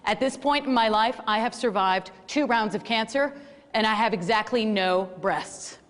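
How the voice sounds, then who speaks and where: A woman narrating a personal story in a calm, reflective manner. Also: on the high side, normal speed, in a large hall. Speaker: storyteller recounting a race. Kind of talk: scripted narration.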